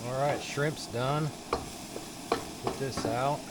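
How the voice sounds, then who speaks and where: A man with an average-pitched voice narrates a casual camping vlog. He is plain-spoken and easygoing as he talks through his cooking. Clear sizzle and stirring noise runs behind his voice. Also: fairly even intonation, slow. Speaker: camping vlogger. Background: food frying and stirring.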